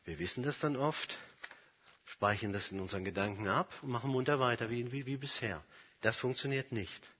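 Husky preacher in a reverberant hall. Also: male voice, mid-range voice, brisk. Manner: earnest, emphatic, personal examples, swings from loud to very soft. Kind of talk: sermon. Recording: long hall reverb, dull lo-fi sound.

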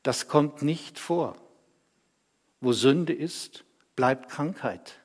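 A man's voice: on the high side, very slow, breathy edge, full character voice. A man voicing a stern old male neighbor who refuses to believe what he hears. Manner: disbelieving, insistent. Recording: echoey hall.

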